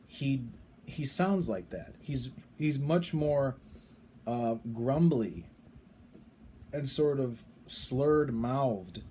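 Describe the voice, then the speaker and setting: A man's voice: mid-range voice, mellow, slight background noise. A man casually explaining to camera with frequent fillers and restarts. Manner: chatty, hesitant, frequent um and restarts. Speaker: video creator.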